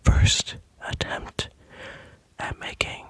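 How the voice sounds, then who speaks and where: A man whispers softly in a hesitant, soothing ASMR manner, very close to the microphone as if right in the listener's ear. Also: drawn-out words. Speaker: ASMR creator. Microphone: close-up Blue Yeti USB microphone.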